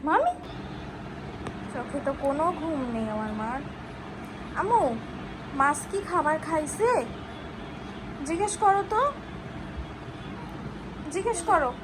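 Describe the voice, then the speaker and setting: A high-pitched woman chats casually to the camera and coos at her little daughter in a coaxing, sing-song way. The home recording carries a steady hiss of background noise, with traffic passing outside. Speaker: mother vlogging with her toddler daughter. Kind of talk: casual vlog chat to camera and toddler. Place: home at night.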